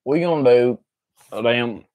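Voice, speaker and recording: A man's voice: mid-range voice, unhurried, a little mellow, slight background noise. A man with a Southern US accent chatting casually on a livestream, crude and folksy, swearing a lot.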